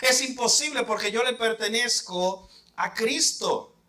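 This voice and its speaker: A man's voice: very high voice, a little slow, sharp tone, full character voice. A man voicing a steadfast male martyr pastor in a sermon story, proclaiming his faith insistently.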